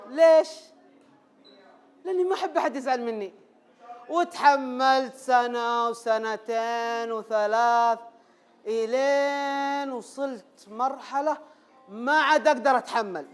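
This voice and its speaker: A jittery, people-pleasing man, played by an actor on stage. He pleads and repeats himself in a notably high voice, with nervous laughter running through the theater monologue. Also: natural voice. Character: anxious people-pleasing male ex-teacher.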